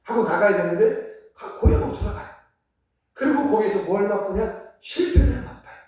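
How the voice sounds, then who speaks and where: High-voiced pastor preaching in an echoey church. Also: male voice, expressive, moderate pace, far from the mic. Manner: earnest preaching, rising and falling between loud emphasis and soft near-whispers. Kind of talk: sermon. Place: church sanctuary.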